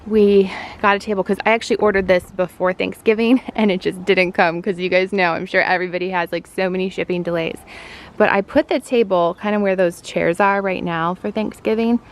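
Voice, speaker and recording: A woman's voice: medium pitch, steady tone, a little fast. A woman in her thirties chatting casually in a gushing way as she hosts a home tour vlog. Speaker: homemaking vlogger, host. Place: at home, partly outdoors on a deck.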